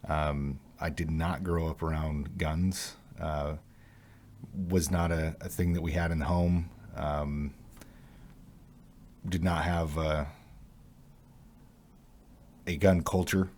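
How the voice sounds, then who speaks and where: A man with a very deep voice co-hosts a casual podcast. He is from Utah and California and talks haltingly with many fillers. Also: steady tone, a little mellow, a little hiss or hum. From Utah and California, USA. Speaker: podcast co-host.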